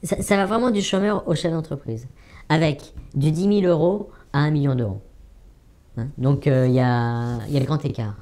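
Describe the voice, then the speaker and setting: Man in his 40s, anonymous witness, halting delivery, warm dark tone, repeats himself for emphasis. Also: a little high. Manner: hesitant, many fillers, repeats words for emphasis. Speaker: anonymous former trading student giving testimony. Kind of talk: interview testimony.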